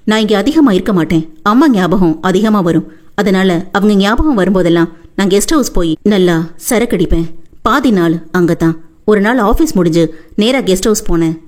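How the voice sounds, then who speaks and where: A woman's voice: mid-range voice, a little mellow, lightly acted. A woman voicing a hot-tempered but doting young husband in an audiobook, coaxing and boastful.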